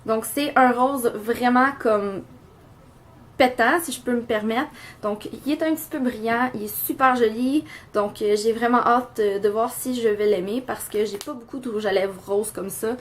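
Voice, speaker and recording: Chatty young Québécoise beauty vlogger. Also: female voice, a little high, moderate pace. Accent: Quebec French. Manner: chatty, filler-heavy, shows products to camera. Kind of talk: casual haul vlog.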